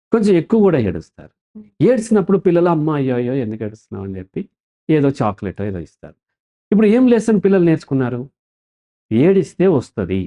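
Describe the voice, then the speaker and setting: A man with a fairly high pitch is heard in lo-fi sound. As a counselor guest in an interview, he explains with energy and keeps asking his own questions before answering them.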